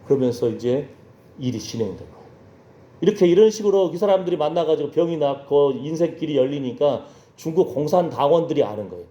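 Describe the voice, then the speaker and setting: Storytelling Korean pastor in an echoey hall. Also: male voice, a little high, animated, a little fast, warm tone. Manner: storytelling, acts out voices in dialogue, checks in with the congregation. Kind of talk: sermon. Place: church sanctuary. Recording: echoey church hall, dull lo-fi sound.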